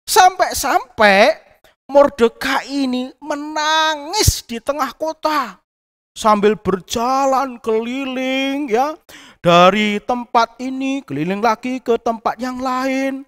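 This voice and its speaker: A woman's voice: high-pitched, slow. A woman teaching Sunday school, telling a Bible story to children and asking them questions. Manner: animated, asks the listener questions.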